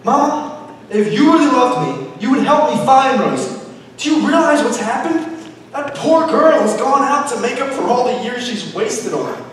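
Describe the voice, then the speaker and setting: High school guy doing a whiny mama's boy, highish voice, echoey hall, far off. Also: very animated, normal speed, slight background noise. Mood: pleading. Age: teenager. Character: flustered, mama's-boy young manager. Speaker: stage actor. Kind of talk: high school musical stage acting.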